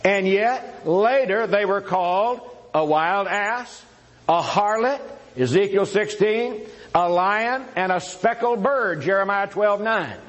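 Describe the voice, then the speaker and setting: A man's voice: sits high, slow pace, poor audio. A man in a religious debate, rebutting his opponent directly and citing scripture by chapter and verse. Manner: argumentative, addresses opponent directly.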